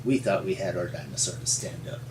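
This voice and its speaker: Speaking briskly in a low voice, a Montana man who serves as resident paleontologist tells rambling, folksy stories with chuckles in an interview. The recording comes from an echoey room with a distant mic and a noisy background.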